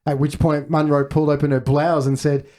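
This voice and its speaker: A man's voice: on the high side, flat delivery, brisk, darkish tone. A man co-hosting a movie podcast, reading out film trivia in casual chat and laughing often. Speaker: podcast co-host.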